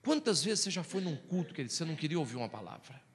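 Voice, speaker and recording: A man preaching a storytelling sermon, animated, swinging between loud exclamations and hushed quiet. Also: on the high side, racing, in a large hall, a little hiss or hum. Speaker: pastor.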